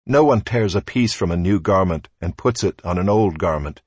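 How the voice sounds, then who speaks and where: A man reading scripture aloud formally, in a measured and declarative way. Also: sits low, lively intonation, breathy edge, no room sound. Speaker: scripture reader at a church service.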